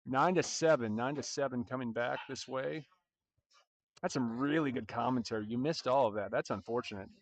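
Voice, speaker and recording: A man giving relaxed, chatty live commentary on a tournament stream, talking straight to viewers. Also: mid-range voice, normal speed. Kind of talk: casual livestream commentary. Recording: faint background noise and clicks.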